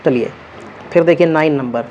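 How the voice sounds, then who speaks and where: Man teaching vocabulary, slightly high voice, repeats himself a lot, dull recording. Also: moderate pace, a little mellow, a little hiss or hum. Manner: repeats words with frequent check-ins. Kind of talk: exam vocabulary lesson.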